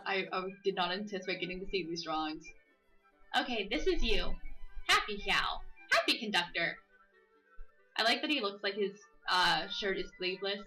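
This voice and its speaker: Sharp-toned and medium-pitched, a woman hosting a let's play reads out a visual novel's lines and jokes about them, stretching dialogue out slowly for laughs. The recording is rough.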